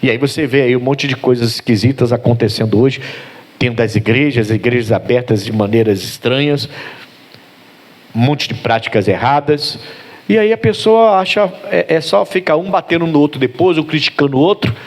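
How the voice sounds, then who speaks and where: A man's voice: medium pitch, moderate pace. A man with a Brazilian Portuguese accent, a pastor preaching a sermon who acts out bits of dialogue along the way. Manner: animated preaching with acted-out dialogue.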